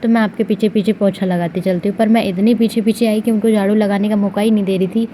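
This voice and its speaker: A woman's voice: mid-range voice, steady tone, fast, mellow, slight background noise, low-quality recording. A young woman running a casual daily vlog, talking over her clips in a rambling, chatty way and often correcting herself. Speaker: vlogger and small salon owner.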